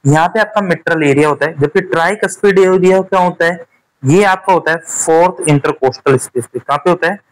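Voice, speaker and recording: A man teaching a nursing exam lesson, putting quick questions to his students and checking that they follow. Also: fairly high pitch, rough recording. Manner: repeats points as quick quiz questions to students; keeps checking with "theek hai" and "clear hua". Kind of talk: classroom-style lecture.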